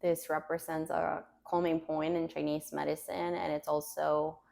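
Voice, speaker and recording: Calm low-voiced woman guiding a grounding meditation. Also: gravelly. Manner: calm, gentle instruction with unhurried pauses. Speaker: meditation and yoga teacher.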